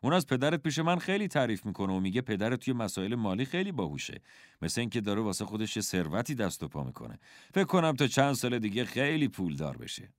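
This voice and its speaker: A man voicing a calm, kindly father who is a schoolteacher, speaking gently and encouragingly in a storybook reading. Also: fairly low pitch, no echo, studio quality, voice pushed up. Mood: gentle encouraging.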